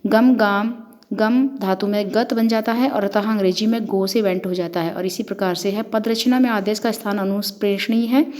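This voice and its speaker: A woman's voice: medium pitch, fairly even intonation, normal speed, a little mellow. A woman professor giving an academic lecture, working methodically through numbered points and examples. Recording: long hall reverb.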